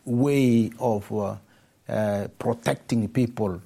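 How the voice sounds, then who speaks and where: A man from South Sudan, a bishop, answering interview questions in halting speech full of fillers and restarts. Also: medium pitch, gravelly, mellow, no echo.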